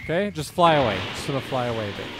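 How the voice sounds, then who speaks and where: A man's voice: mid-range voice, animated, rapid-fire, rough recording. A young man with a phlegmy, rattly chest voice rambles through casual gameplay commentary, slangy and repeating himself, as the host of a gaming video. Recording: game music behind voice. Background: video game music.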